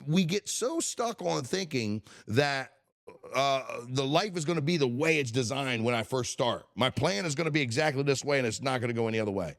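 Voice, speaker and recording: A man's voice: medium pitch, expressive, brisk, a bit bright. A man in his forties hosting a solo motivational podcast, speaking in an impassioned and blunt way, swearing often and repeating words as he thinks. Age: 40s. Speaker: podcast host.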